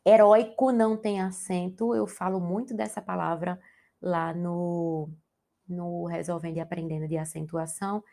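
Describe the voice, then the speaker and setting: Gravelly-voiced woman teaching grammar. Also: on the low side, little pitch movement, moderate pace, mellow. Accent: Brazilian Portuguese. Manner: explanatory, asks the class to check in with tag questions. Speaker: Portuguese teacher. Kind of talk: exam-prep grammar lesson.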